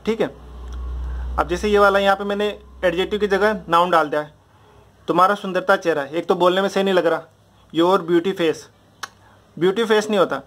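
A young man with a fairly high voice teaches a grammar lesson. He goes step by step, repeats the same example drills again and again, and keeps checking that his listeners follow. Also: a bit bright. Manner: explains patiently, repeating drills and checking understanding. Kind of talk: Hindi grammar lesson at a board.

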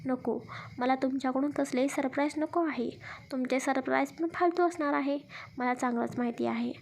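A woman's voice: sits high, steady tone, moderate pace, vocal fry, a little hiss or hum. A woman voicing a short-tempered but protective young newlywed man in a spoken story. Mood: brusque. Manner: curt, scolding.

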